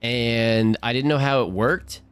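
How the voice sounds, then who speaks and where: A man's voice: medium pitch, steady tone, unhurried, a bit bright, smooth, no room sound. A man casually chatting while streaming a game, upbeat and talkative, reading chat aloud.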